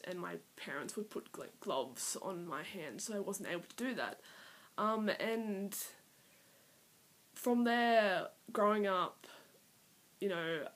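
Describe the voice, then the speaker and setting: A nineteen-year-old Australian woman makes her first personal vlog, speaking nervously to the camera in a medium-pitched voice. She rambles with lots of fillers and sometimes fades to a near-whisper, recorded on an iPad's built-in mic.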